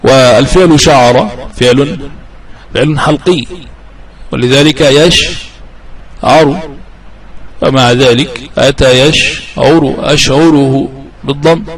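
Male teacher with a slightly high voice for classical grammar lessons. He is deliberate, repetitive and drawn out on examples, and he poses questions and answers them himself. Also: rough recording. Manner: slow, deliberate drawing-out of example verb forms; repeats key rules for emphasis. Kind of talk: explanatory lecture on classical grammar.

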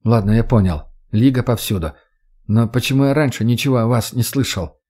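A man voicing a blunt, sulky young swordsman in an audiobook, answering curtly and gruffly. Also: mid-range voice, fairly quick, dark tone, lightly acted. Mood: sullen.

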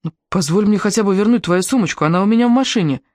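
A reader voicing a desperate young man who shouts and pleads, pushy and raw. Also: medium pitch, very fast, no echo, pitched above the performer's own voice, natural voice.

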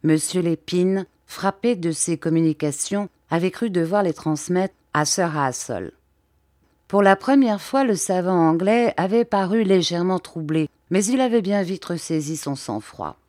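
A woman narrating a novel for an audiobook in a clear, even manner. Her voice sits low. The recording is dry and close. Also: a little slow, no room sound. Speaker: audiobook reader. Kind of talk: scripted narration.

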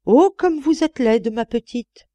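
A woman's voice: medium pitch, sing-song, normal speed, warm tone, no room sound, lightly acted. A woman reading an audiobook voices a cruel, scornful old woman who is hiring a maid, speaking in an imperious, cutting manner. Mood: appalled.

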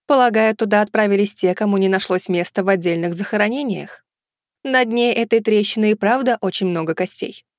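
A woman voicing a calm, knowing young fox woman in an audiobook, explaining things in a composed tone. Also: medium pitch, brisk, no echo, clean studio sound, natural voice. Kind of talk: audiobook character voice.

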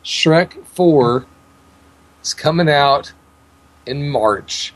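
A man's voice: on the high side, drawn-out words, dry recording, rough recording. Goofy, crude man hosting prank calls. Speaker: prank call show host. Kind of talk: casual prank call banter.

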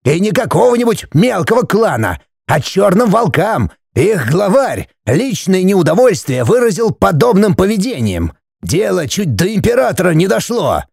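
Voiced by a man, this is a grave middle-aged judge and father who speaks slowly and with weight. His tone is dark and mellow. The pitch still moves a lot as he lectures, and the sound is dry and close. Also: sing-song, no echo. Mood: furious. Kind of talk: audiobook character voice.

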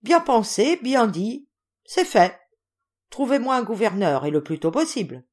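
A woman's voice: mid-range voice, big pitch swings, a little fast, darkish tone. A woman voicing a boisterous, generous old male Russian general who speaks in commanding exclamations. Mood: brisk.

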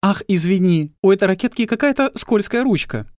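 A man voicing a cheerful, flirtatious wealthy woman, high and bubbly, exclaiming as she talks. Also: lively intonation, brisk, a little mellow, dry recording, clean studio sound. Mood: playful.

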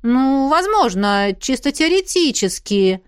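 A woman's voice: on the high side, lively intonation, normal speed, lightly acted. A woman doing an unflappable, inquisitive young student. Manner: matter-of-fact, inquisitive. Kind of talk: audiobook character reading.

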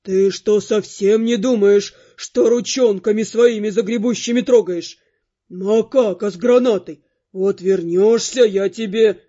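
A woman's voice: mid-range voice, measured pace, mellow, pitched below the performer's own voice, natural voice. A woman voicing a grumpy, rude, scaly male ghost creature who hisses insults, on a dull lo-fi recording with faint music. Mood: scornful. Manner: growling, hissing insults, then stiffly polite.

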